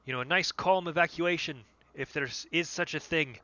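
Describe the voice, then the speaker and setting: A man voicing a friendly male tavern keeper who is steady and trusting, with gruff calls of "oi" in a tabletop game. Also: fairly high pitch, normal speed, lo-fi sound, voice pushed up. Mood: bellowing. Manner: gruff calls of "oi", bellows to a crowd.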